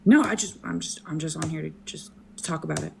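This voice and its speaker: A woman's voice: low voice, a little fast, creaky, a little hiss or hum. A woman calling into a livestream, chatting casually about her political opinions. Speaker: caller to a livestream. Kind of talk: casual chat.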